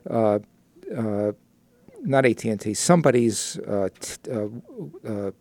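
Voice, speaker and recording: A man co-hosting a finance talk show, walking through news articles in a conversational way, halting often with fillers and restarts. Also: lowish voice, darkish tone, no echo. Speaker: co-host of a personal finance show.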